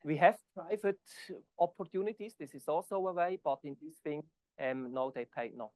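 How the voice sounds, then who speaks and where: With a slightly mellow voice on the high side, a Swiss-accented man talks through an academic presentation and Q&A in a conference hall. There's no echo, and his non-native English is hesitant, punctuated by fillers.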